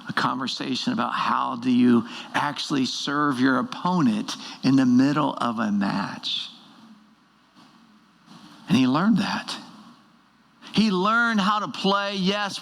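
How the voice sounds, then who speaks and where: A middle-aged man preaching a church sermon, telling stories with animated, emphatic repetition. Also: fairly high pitch, vocal fry. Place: church service.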